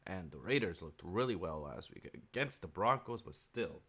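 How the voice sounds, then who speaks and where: Deep-voiced male sports vlogger, casual opinionated picks talk. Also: expressive, normal speed, fairly bright tone, husky. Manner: offhand, opinionated, with frequent ums and asides. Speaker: sports video host.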